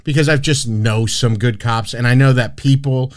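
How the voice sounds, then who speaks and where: A man hosts a podcast in a loose, rambling way. He swears freely, restarts his sentences and fills gaps with "uh" and "you know". His voice sits at an ordinary middle pitch for a man. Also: moderate pace. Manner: brash, profane, rambling with frequent restarts. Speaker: podcast host. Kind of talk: casual podcast chat.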